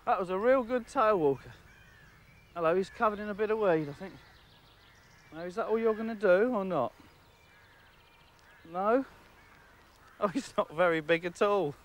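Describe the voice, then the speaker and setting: Middle-aged male angling presenter, slightly high voice, excitable, chats to the fish, laughs a lot, recorded outdoors by a lake on a lapel mic. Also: measured pace, pauses often. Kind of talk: outdoor fishing commentary. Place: outdoors on a lakeside jetty.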